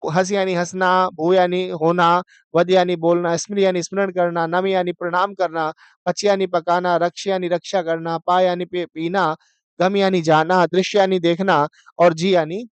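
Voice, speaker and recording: A man's voice: high voice, clear, resonant tone, no echo. Male teacher drilling grammar. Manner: call-and-response drilling, chanting verb forms slowly. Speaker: Sanskrit teacher. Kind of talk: grammar lesson.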